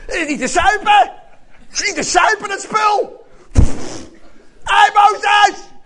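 A man voicing an indignant, thirsty crowd of wanderers shouting complaints at their leader. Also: extremely high pitch, expressive, racing, slight background noise. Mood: disgusted.

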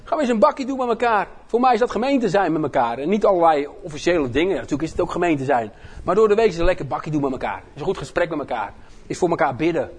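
Dutch guy giving a casual sermon, kinda high voice, jokey and animated, repeats his words a lot. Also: racing, husky. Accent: Dutch, from the Netherlands. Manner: folksy, joking, self-deprecating. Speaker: missionary speaker preaching at his home church. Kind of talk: informal sermon to a congregation.

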